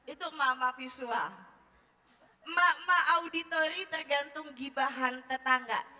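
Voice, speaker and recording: A bright, high-pitched woman talks unhurriedly to a seminar audience of parents and teachers about early-childhood education. The talk is lively, with plenty of chatty jokes and questions thrown to the audience.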